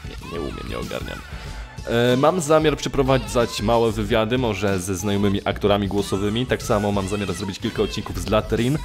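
His voice is on the low side, brisk and lively in intonation as this young adult man, a YouTuber who does amateur dubbing, answers viewer questions in a casual vlog. He's hesitant, self-correcting and informal with occasional swearing. Music plays in his small room at home, and he's close to a desktop condenser mic fitted with a pop filter.

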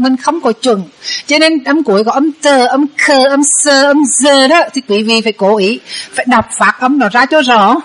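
A Buddhist nun teaching pronunciation to a class, patient and repetitive, often ending phrases with a soft "ha". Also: female voice, high-pitched, low-quality recording. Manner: patient, repeats words slowly, tags sentences with "ha". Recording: class repeating aloud in background.

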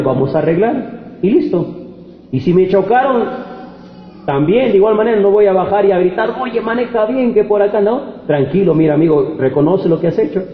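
Preaching man in an echoey church hall. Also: phone-quality sound. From Peru. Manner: preaching with call-and-response, acting out quoted prayers in a low hushed voice. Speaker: pastor. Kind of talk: sermon.

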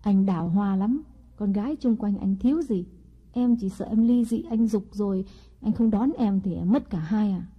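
A woman voicing a scheming young wife in an audiobook story, speaking in a sweet, deliberate way. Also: mid-range voice, husky, lo-fi sound, natural voice. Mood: coaxing. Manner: sweet-talking, slow and deliberate. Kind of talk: audiobook character reading.

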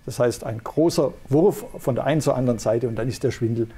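A man's voice: medium pitch, brisk, mellow, breathy edge. A middle-aged man, a neurologist, patiently explaining in an interview. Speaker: neurologist guest.

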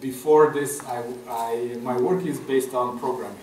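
A man's voice: medium pitch, fairly even intonation, a little slow, a little mellow, slight background noise. A middle-aged man from Romania, a guest artist, talking hesitantly with many fillers at a festival table talk. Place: room with a table, audience. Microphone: table mic on stand. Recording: echoey room, far from mic.

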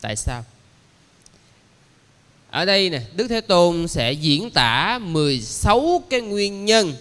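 A man, a Buddhist monk giving a dharma lecture, explaining slowly with many pauses and fillers. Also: fairly high pitch, fairly bright tone, clean tone. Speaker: Buddhist monk teaching a sutra class. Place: temple lecture hall. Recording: long hall reverb.

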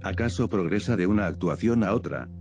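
A man's voice: sits low, animated, fairly quick. A man voicing a passionate young woman music student who speaks in indignant, accusing questions. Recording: music playing behind the voice.

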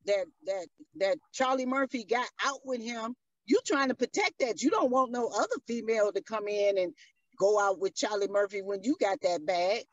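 A woman's voice: medium pitch, normal speed, no echo, lo-fi sound. A woman talking as a guest on a radio show in a casual, emphatic street style, often asking "you see what I'm saying".

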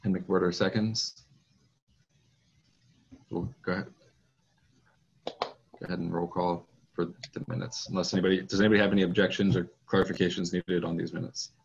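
A man serving as school board president, chairing a formal meeting over a video call in a procedural, measured way with frequent fillers. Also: low-pitched, little pitch movement, creaky, husky. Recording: muffled video call audio.

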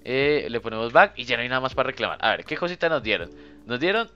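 A young man, giving casual, chatty commentary while playing a game and thinking out loud to his viewers. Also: mid-range voice, very animated, quick pace, clean tone, muffled recording, soft background music. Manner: chatty, thinks aloud, often addresses viewers as "muchachos". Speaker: gaming youtuber.

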